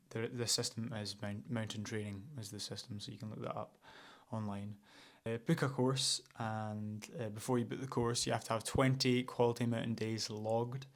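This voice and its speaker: A young Scottish man with a fairly low pitch works as an outdoor instructor and talks casually in a vlog. He sounds relaxed, with plenty of ums and restarts.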